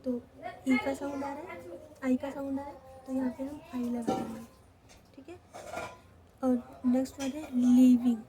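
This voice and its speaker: With a crowd audible in the background, a woman speaks in a high, steady tone, teaching shorthand in a Hindi accent. She guides students slowly through each step, repeating it and checking in with "theek hai."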